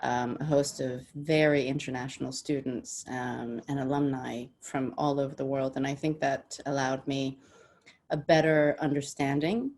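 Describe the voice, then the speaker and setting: On a video call panel, a woman who is half Danish and half Swedish, partly raised in the US, talks casually about her career as a business development director. She has an American accent and a dark bass voice, fairly even in intonation and moderate in pace, laughing often and using lots of fillers.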